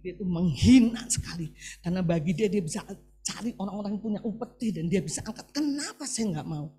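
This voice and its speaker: A man's voice: sits high, fast talker, husky. A middle-aged male preacher giving a sermon, talking animatedly and often turning to the congregation with questions. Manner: animated, keeps addressing the congregation as "saudara".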